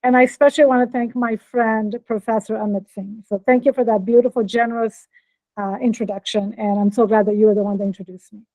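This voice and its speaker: A chatty American woman, born in Norway and raised in Brazil, delivers an academic keynote as a professor. Her voice is on the high side, steady and mellow, and she speaks fast, friendly and checking on listeners. The dry, low-quality audio comes from a computer mic on a video call.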